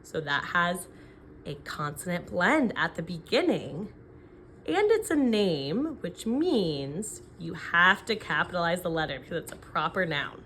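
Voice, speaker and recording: Lady teacher dictating slowly, sounding out each bit, lowish voice, some hiss or noise behind her. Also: sing-song, a bit bright. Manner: sounds out letters and syllables deliberately; instructional, checking in with questions. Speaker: elementary phonics teacher. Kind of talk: dictating sentences slowly, word by word.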